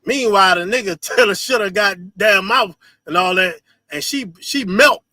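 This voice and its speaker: Guy going off on stream, high bright voice, loud and repetitive, dry sound. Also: moderate pace, no echo. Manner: loud, emphatic, repeats phrases and laughs often. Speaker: host reacting to a video. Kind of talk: casual livestream commentary.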